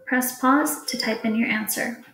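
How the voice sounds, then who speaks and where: Test questions are read out in a teacherly, instructional way by a woman whose fairly high voice sounds a bit bright. Her pace is very slow and deliberate, with a clear echo from the room.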